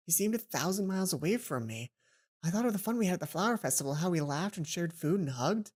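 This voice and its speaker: A woman with a lowish, breathy-edged voice talks fast while hosting a let's play over game music. She reads a visual novel aloud with expression, acting out the lines, then drifts into casual, chatty asides.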